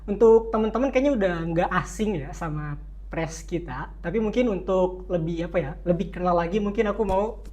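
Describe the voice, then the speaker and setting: Chatty young podcast host, mid-pitched. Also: fairly quick, darkish tone. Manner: chatty, loose phrasing, lots of short acknowledgements. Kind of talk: casual podcast interview.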